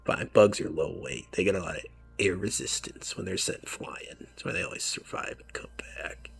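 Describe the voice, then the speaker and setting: A man giving game commentary in hushed, wry asides. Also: sits low, moderate pace, vocal fry, a little hiss or hum. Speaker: let's-play commentator.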